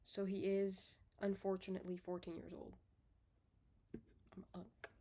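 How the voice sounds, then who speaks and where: A young woman in her own bedroom, rambling in a casual, unedited video diary. She is out of breath, swears casually, corrects herself often and lets her sentences trail off softly. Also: mid-range voice, completely flat delivery, a little slow, slight background noise. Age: young adult. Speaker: vlogger.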